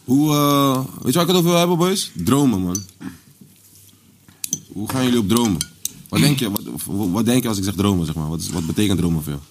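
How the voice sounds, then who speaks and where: A man's voice: lowish voice, lively intonation, brisk, a little hiss or hum. A young man from the Dutch Caribbean hosting a casual dinner chat, slangy and often laughing. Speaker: host.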